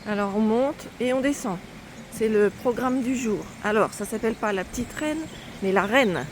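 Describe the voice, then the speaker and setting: Walking a mountain trail uphill, a woman narrates her pilgrimage for her vlog in a chatty way. She speaks at a moderate pace in a voice on the high side, with wind and ambient outdoor noise around her.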